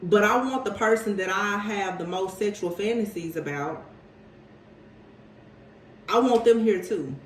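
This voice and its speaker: A woman's voice: mid-range voice, a little slow, pauses often, reverberant, recorded from a distance, slight background noise, natural voice, rough recording. A woman voicing a selfish, stubborn man who talks in a demanding, self-satisfied way, dropping her voice slightly.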